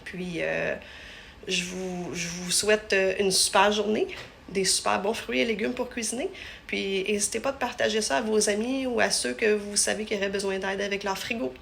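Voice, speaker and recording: Gravelly-voiced Québécois woman demoing at home. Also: mid-range voice, fairly even intonation, moderate pace, a bit bright, slight background noise. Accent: Québécois French. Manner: chatty, stumbles over words. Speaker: home products seller. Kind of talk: casual live product demo. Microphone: phone.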